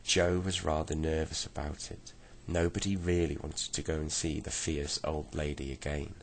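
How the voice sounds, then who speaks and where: A man reading a children's bedtime story aloud in a gentle, steady way. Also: rumbling low, normal speed, slight background noise.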